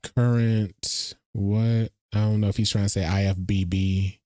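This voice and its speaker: A man hosting a casual trailer reaction, chatty and animated, thinking out loud as he watches. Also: low voice, fast, no echo, studio quality. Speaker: reaction video host.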